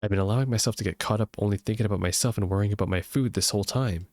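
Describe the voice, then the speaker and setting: A man's voice: on the low side, racing, a little mellow, dry recording. A man giving casual gaming commentary and reading story text aloud as he plays. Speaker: let's play streamer.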